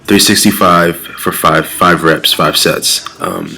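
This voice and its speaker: A young man with a Nigerian accent speaks to camera for his fitness vlog in a deep, slow voice with vocal fry and a sharp edge. He's casual and earnest, often repeating words while he hunts for the next one.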